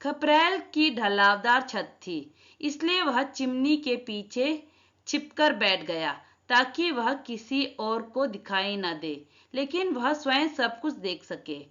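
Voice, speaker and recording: A Hindi teacher, a woman, walks children through a school reading lesson, rereading every sentence and then explaining its words in English. Her voice is slightly high and a bit bright, very animated yet slow in pace. The recording has a dull, lo-fi quality.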